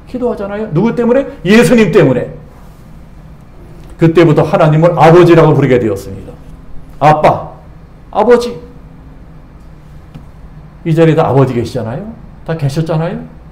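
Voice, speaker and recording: Man preaching sunday sermon, slightly high voice, keeps asking the congregation questions, echoey church. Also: darkish tone. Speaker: senior pastor. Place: church sanctuary.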